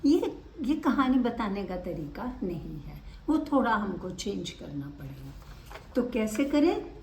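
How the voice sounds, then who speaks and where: A woman auditory-verbal therapist giving an instructional talk to parents, deliberate and expressive, stressing key words. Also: mid-range voice, gravelly, reverberant, distant mic, slight background noise.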